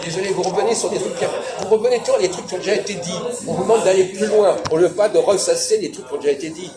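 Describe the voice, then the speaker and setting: A man's voice: high-pitched, racing, a crowd in the background. A man leading an informal philosophical debate in French, hesitant and insistent, professorial, often correcting the others. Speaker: host of a philosophy café debate. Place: echoey public café interior. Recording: roomy echo with loud music behind. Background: loud background music.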